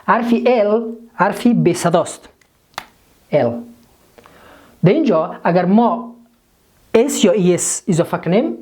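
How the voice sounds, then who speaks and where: A woman teaching English grammar, explaining slowly and repeating each rule in two languages. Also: lowish voice, darkish tone. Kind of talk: grammar lesson mixing English and Dari.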